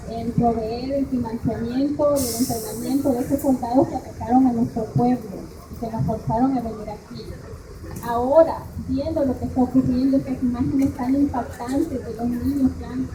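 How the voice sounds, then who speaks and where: Woman, from El Salvador, professor, high voice, earnest rally speech, far off, echoey, loud street noise. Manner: earnest, repeats herself in Spanish then English. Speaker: university professor speaking at a rally. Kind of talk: bilingual speech at an outdoor press conference.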